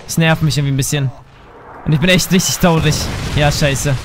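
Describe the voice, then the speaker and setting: Fairly quick and a little high, with fairly even intonation, a man narrates his shooter gameplay casually. He gets frustrated, swears, and thinks aloud as game gunfire, sound effects and crowd noise fill the background.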